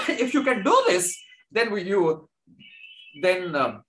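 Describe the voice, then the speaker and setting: Indian man lecturing haltingly, lively swooping pitch. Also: rough recording. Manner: halting, repeats phrases slowly as if dictating. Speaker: mathematics lecturer. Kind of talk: unscripted math lecture.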